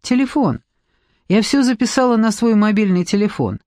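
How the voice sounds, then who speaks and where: A woman's voice: medium pitch, very animated, normal speed, darkish tone, no room sound, clean studio sound, pitched above the performer's own voice. A woman reading an audiobook, voicing a defiant young former nanny who speaks with scorn.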